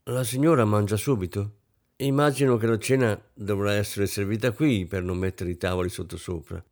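A man's voice: on the low side, normal speed, darkish tone, lightly acted. A man doing a curt, resentful maid. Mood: sullen. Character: tired, put-upon young maid.

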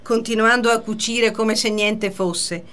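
A woman reading the part of a poised mistress in a radio play, composed and measured. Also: a little high, fairly even intonation, fairly bright tone. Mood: cool. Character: poised mistress, cool and cutting.

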